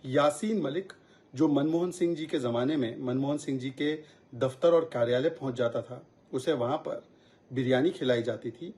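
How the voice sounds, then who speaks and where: A man giving a forceful, accusatory political statement to the press. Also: medium pitch, normal speed.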